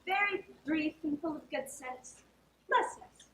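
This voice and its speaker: An actress playing a gleeful, mischievous servant in a live stage play, amused and teasing. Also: female voice, high voice, lively intonation, a little slow, a bit bright, slight background noise. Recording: echoey stage from far off, faint ambience.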